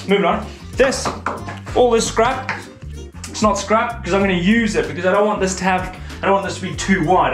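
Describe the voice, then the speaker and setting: Wearing a head-mounted action camera in his garage, a British man in his thirties builds something while talking aloud in a chatty, self-deprecating way for his workshop vlog. His voice is on the high side. The garage echoes noticeably, and music plays behind him.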